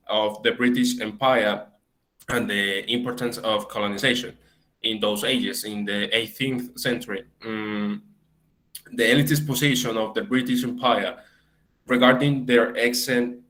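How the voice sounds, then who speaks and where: A young man reads his section of a class presentation in a slightly low voice. He pauses often and fills the gaps as he works through each point. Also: bright, forceful tone, rough recording. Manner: hesitant, frequent fillers. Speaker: student presenter.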